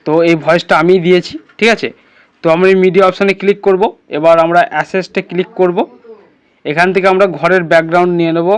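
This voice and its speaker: A male tutorial host runs an informal step-by-step lesson, giving instructions and checking again and again that listeners are keeping up. His voice is high, clear and resonant, delivered quickly and flatly.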